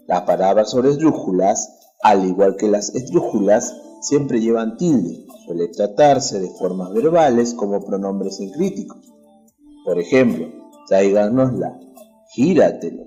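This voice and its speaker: A man's voice: lowish voice, dark tone. A man with a Peruvian Spanish accent teaching a school lesson over the radio, explaining step by step and addressing students directly. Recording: dull lo-fi radio broadcast.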